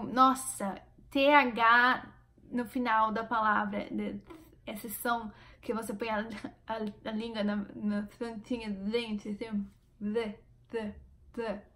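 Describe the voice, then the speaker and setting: High-voiced Brazilian woman vlogging. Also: a bit bright. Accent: Brazilian Portuguese. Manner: chatty and encouraging, speaking straight to viewers. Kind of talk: casual vlog.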